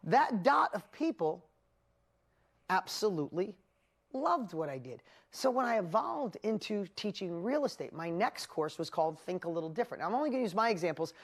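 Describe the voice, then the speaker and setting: A woman with a New York accent delivers a motivational talk to a seminar audience. She tells her story with energy and acts out her inner thoughts in quoted asides. Her voice sits at a middle pitch. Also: big pitch swings, moderate pace. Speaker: seminar presenter.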